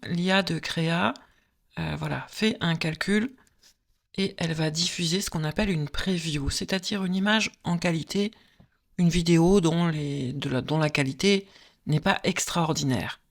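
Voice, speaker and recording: Gravelly-voiced woman explaining a tutorial. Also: deep voice. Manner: hesitant, many filler pauses; patient step-by-step explaining. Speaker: software tutorial host. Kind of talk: screen-recorded tutorial narration.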